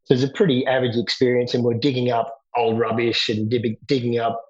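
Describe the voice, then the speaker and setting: A middle-aged Australian man, a veteran, recalling his army days in a plain, steady way, often restarting his words. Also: mid-range voice, fairly quick, highs cut off. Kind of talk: interview recollection.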